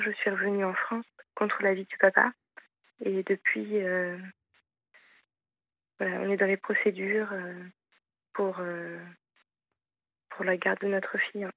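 A young woman calling a radio show by telephone, giving a personal account in a halting, hesitant way. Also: medium pitch, no room sound. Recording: narrow, dry phone line.

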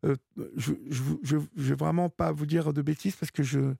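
A man's voice: fairly high pitch, fairly even intonation, normal speed, creaky, warm tone, husky, no room sound, studio quality. A man hosting a late-night radio call-in show, giving advice with many hesitations and restarts. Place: radio studio.

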